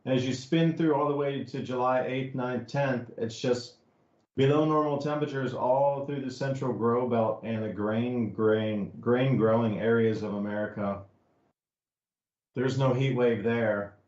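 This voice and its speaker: A man's voice: mid-range voice, fairly even intonation, unhurried, darkish tone. A man co-hosting a podcast, explaining things in a loose, talkative way with many fillers. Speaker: podcast co-host. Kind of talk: casual commentary. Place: home studio in East Tennessee. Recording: roomy, slightly muffled audio.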